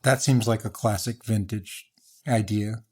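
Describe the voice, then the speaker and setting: A man's voice: lowish voice, fairly even intonation, unhurried, a little mellow, husky. A man hosting an interview, asking curious, searching questions about music. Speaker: interviewer host.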